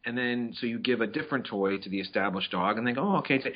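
A man's voice: fairly low pitch, fairly even intonation, quick pace, lo-fi sound. A middle-aged man co-hosting a casual podcast chat, playful and talkative, sometimes acting out his pets in little voices. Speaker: podcast co-host.

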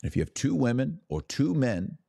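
Here a religious commentator hosting an opinionated podcast preaches emphatically to his audience, tossing in rhetorical questions and asides. His mid-range voice is very animated, creaky, and warm, delivered at normal speed with no echo.

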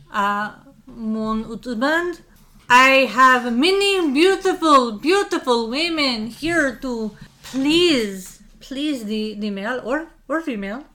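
A French brothel madam from a tabletop game, her English clipped and broken, played by a woman putting on a wobbly French accent. The voice sits high and bright, brisk and unbothered. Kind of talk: tabletop role-play.

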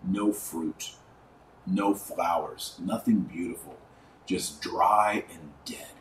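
Low-voiced and slow, this religious podcast host preaches with emphatic earnestness, leaning on repeated phrases for effect. The wrong microphone catches him from afar, so the recording sounds echoey and carries faint noise.

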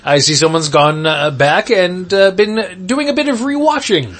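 A man's voice: sits high, unhurried, a bit bright. A man hosting a podcast, talking in casual discussion. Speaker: podcast host.

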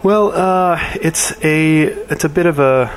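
A man's voice: on the high side, slow pace, slight background noise, voice pushed up. A man playing a polite, evasive adventurer in a tabletop game, hesitant and very courteous. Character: polite, evasive male adventurer seeking temple favors.

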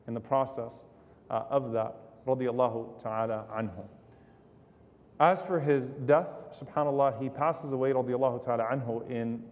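Fast-talking male lecturer in a reverberant hall. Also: medium pitch, darkish tone. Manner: quotes Arabic then explains in English. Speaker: Islamic lecturer. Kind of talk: sermon storytelling.

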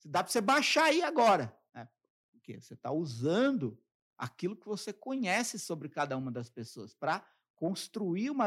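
A man's voice: on the high side, breathy edge. A man with a Brazilian accent, co-hosting a podcast and explaining ideas with acted-out everyday examples in casual talk. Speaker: podcast co-host.

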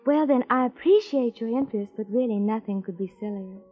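An actress playing a poised, patronizing nightclub singer who talks in an airy, smoothly dismissive way, in 1940s radio acting style. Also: female voice, on the high side, brisk. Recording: dull old radio recording with music.

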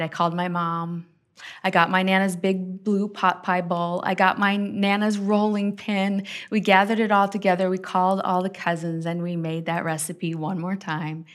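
A middle-aged woman hosting a devotional podcast, telling a personal family story in an earnest, intimate way that often drops to quiet tones. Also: on the low side. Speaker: podcast host and Bible teacher.

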